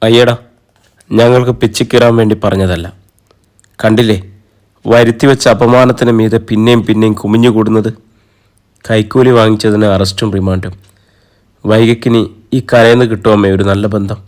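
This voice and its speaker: A man's voice: on the low side, flat delivery, normal speed, long pauses, natural voice. A man voicing a bitter, resentful adult daughter arguing with her mother. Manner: sharp, resentful.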